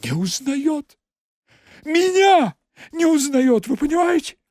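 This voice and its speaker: A man voicing a shrill, tearful young secretary. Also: expressive, very slow, darkish tone, dry recording, studio quality, exaggerated voice. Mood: pleading. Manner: shrieking, sobbing, breathless.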